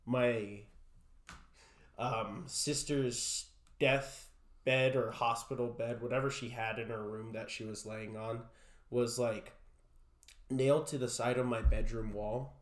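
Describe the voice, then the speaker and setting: A young man being interviewed, telling a personal story in a halting way full of fillers. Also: mid-range voice, steady tone. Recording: roomy echo.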